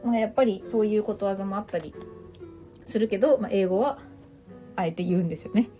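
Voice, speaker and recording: A livestream host with a medium-pitched, warm voice talks fast over faint background music. She chats playfully, teases listeners while reading their comments, and mixes in English phrases.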